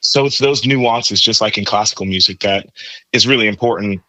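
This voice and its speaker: A man's voice: fairly low pitch, moderate pace, sharp tone, no echo, low-quality recording. A man who plays trumpet, explaining jazz tone and technique in a teacherly way on a podcast. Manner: explanatory, teacherly, repeats words for emphasis. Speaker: trumpet player guest. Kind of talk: podcast interview, explaining music.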